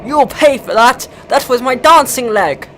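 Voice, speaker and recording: A man voicing a blustering male army lieutenant who shouts orders in a comic story. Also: very high-pitched, expressive, a little slow, a little hiss or hum, heavily acted. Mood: defiant.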